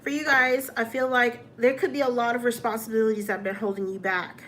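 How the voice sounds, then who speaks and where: A woman's voice: a little high, fairly even intonation, quick pace, fairly bright tone, a little hiss or hum. Chatty woman giving a tarot reading. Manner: chatty, repeats "all right?" often; upbeat and encouraging. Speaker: tarot reader.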